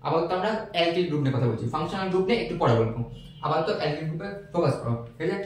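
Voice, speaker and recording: A man's voice: fairly high pitch, expressive, very fast, a little hiss or hum. A man teaching a recorded chemistry lesson, patiently repeating each step and checking that students follow. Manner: patient, repeats steps and asks checking questions. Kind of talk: recorded online lecture. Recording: echoey room.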